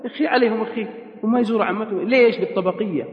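A man with a Saudi accent giving a lively, humorous sermon and acting out the voices of the people in his stories. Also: high-pitched, very fast, narrow, tinny audio, a little hiss or hum. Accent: Saudi Arabic. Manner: animated, acts out quoted voices. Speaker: preacher. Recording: echoey hall reverb.

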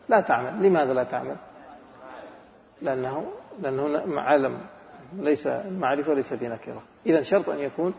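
A man's voice: fairly high pitch, a little mellow, in a large hall. A man teaching an Arabic grammar lesson, asking his students questions and then answering them himself. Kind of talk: classroom lesson.

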